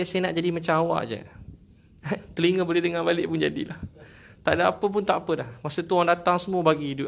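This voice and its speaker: A man's voice: fairly high pitch, vocal fry. A man with a Malaysian Malay accent preaching to a gathering, telling stories with jokes and acted quotes. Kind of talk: religious talk to a gathering.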